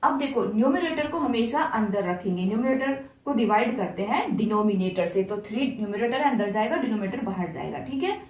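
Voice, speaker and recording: A woman's voice: a little high, lively intonation, fairly quick, few pauses, roomy sound, far from the mic. A woman teacher, patiently walking students through each step and asking them questions. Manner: patient, repeats steps and asks the class questions. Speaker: math teacher. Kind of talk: explaining math steps to students.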